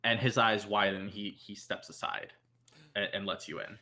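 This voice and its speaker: A man narrating as game master of a tabletop role-playing game, relaxed and hesitant, with many ums and restarts. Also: lowish voice, normal speed.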